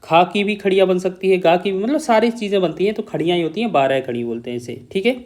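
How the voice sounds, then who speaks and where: A man's voice: sits high, quick pace, darkish tone. A man teaching an exam-prep grammar lesson, explaining step by step, repeating key terms and often checking in with his students.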